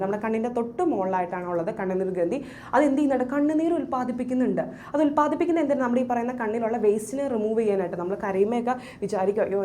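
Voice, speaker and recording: A woman teacher giving an online biology class with a Malayalam accent, asking quick questions and answering them herself, repeating key terms and mixing in English words. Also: mid-range voice, darkish tone, slight background noise. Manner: quick, call-and-response questioning. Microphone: drawing on a screen while talking.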